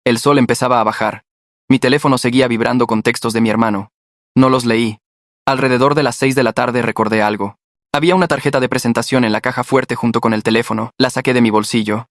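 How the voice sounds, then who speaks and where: Un hombre con acento mexicano que narra en primera persona una historia escrita, en tono tenso y constante. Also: male voice, medium pitch, fast, no room sound, clean studio sound. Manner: tense, steady storytelling. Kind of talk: scripted first-person story narration.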